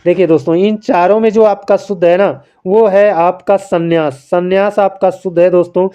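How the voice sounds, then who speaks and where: Patiently working through a Hindi spelling lesson, a man writes by hand, poses his own questions and answers them, and keeps addressing listeners as friends. His voice is high-pitched yet dark and smooth, with fairly even intonation at a moderate pace.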